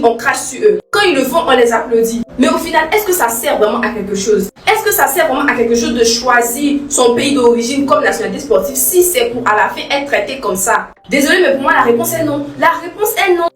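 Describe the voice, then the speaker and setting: A woman gives firm, indignant scripted commentary in a high voice. She sounds distant from the mic, in a roomy, echoing space. Faint music sits underneath. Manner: firm, indignant, lists names.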